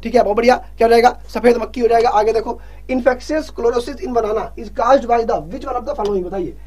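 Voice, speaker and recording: A male exam prep teacher running a live online revision class. He keeps urging his students to answer quickly and teases them along the way. He reads each English question slowly, then explains it in Hindi. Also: very high-pitched, a little mellow. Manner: urgent, pushes students to answer fast; teasing, scolds students jokingly.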